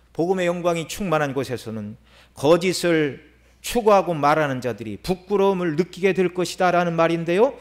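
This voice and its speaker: High-voiced male pastor preaching. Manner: preaching with rising emphasis and dramatic pauses. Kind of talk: sermon.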